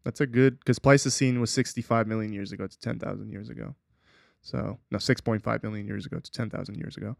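A man co-hosting a casual chat show, playful and quick to interject. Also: on the low side, steady tone, vocal fry, dry recording, studio quality. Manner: playful, laughs often, interjects. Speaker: podcast co-host.

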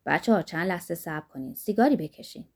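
A woman's voice: fairly low pitch, expressive, darkish tone, voice pushed down. A woman reading the lines of an earnest, polite man who owns a mine. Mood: calm orders.

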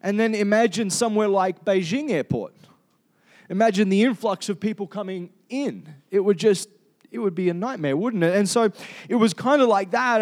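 A man's voice: high voice, a little mellow. A man with an Australian accent preaching a conversational sermon, asking the congregation questions and often restarting his sentences. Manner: chatty, asks the congregation questions, many fillers and restarts.

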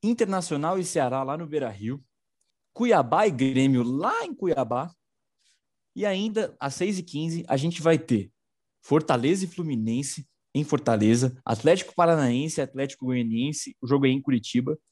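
A man's voice: medium pitch, animated, moderate pace, a little mellow. A man co-hosting an informal political news show, slangy and sarcastic.

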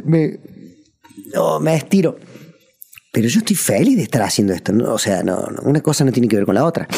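A man's voice: medium pitch, dark tone. Earnest Argentine man coaching listeners. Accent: Rioplatense Spanish. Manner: earnest, coaching, asks the listener many questions. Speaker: podcast host and mentor. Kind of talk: reflective motivational monologue.

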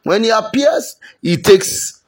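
Brief: high-voiced, husky man preaching and praying fervently, Yoruba-accented English, chants and shouts. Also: animated, slow. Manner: shouts, chants and speaks in tongues. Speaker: evangelist. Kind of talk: fervent prayer sermon.

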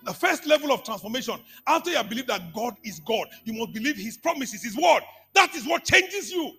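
A man preaching a sermon, calling out to the congregation and repeating phrases, swinging from hushed asides to shouts. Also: extremely high pitch, expressive, fast talker, creaky, soft background music. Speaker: apostle preaching.

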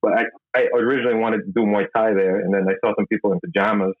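A Filipino man in his thirties, a jiu-jitsu instructor appearing as a guest, tells his story in an easygoing, good-humored casual interview. He speaks at a racing pace with a fairly low pitch and fairly even intonation. The dry recording sounds tinny, like a phone line.

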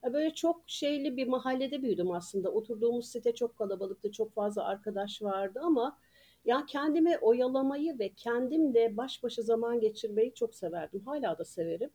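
A woman's voice: fairly high pitch, lively intonation, a little fast, mellow. A woman in her sixties from Ankara, guest on a podcast, telling stories in a chatty way and laughing between sentences. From Ankara, Turkey. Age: 60s. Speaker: guest author and retired teacher. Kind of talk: casual podcast interview.

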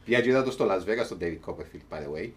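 A man's voice: deep voice, expressive. A man with a Cypriot Greek accent hosting a casual, comedic talk show, chatting colloquially and swearing freely.

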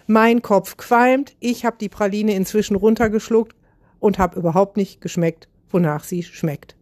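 Lively self-mocking woman storyteller. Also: mid-range voice, measured pace. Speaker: podcast host. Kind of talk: humorous storytelling monologue.

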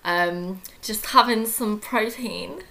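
A woman's voice: mid-range voice, slow pace, creaky, a crowd in the background. A young adult woman co-hosting a podcast, chatting casually with lots of fillers and frequent laughs. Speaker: podcast co-host. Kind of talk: casual chat.

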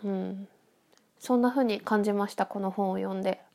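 A woman's voice: medium pitch, steady tone, normal speed, vocal fry, darkish tone. A woman with a stuffy-nosed, nasal voice chatting casually on her own as an audio podcast host, reflective and hesitant as she thinks aloud.

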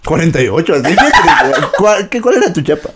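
A young man in casual podcast chat, joking and swearing as he tells stories from premilitary training and acts out a sergeant's shouting. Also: fairly high pitch, big pitch swings, fairly quick, heavy background noise. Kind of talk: casual chat, swapping anecdotes.

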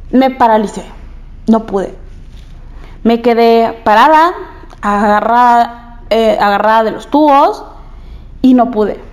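A woman's voice: on the high side, a little mellow. A young woman, telling a personal story candidly and repeating phrases for emphasis.

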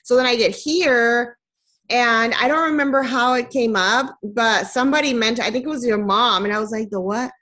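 A woman from Puerto Rico, co-hosting a casual chat and telling a story with lively animation, slipping in Spanish phrases. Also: on the high side, moderate pace. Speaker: podcast co-host.

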